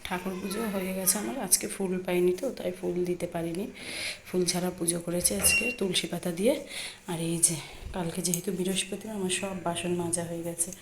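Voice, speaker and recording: A woman's voice: on the low side, little pitch movement, brisk. A woman, chatting casually as she walks viewers through her household chores in a home vlog. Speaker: home vlogger. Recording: phone recording with noticeable background noise.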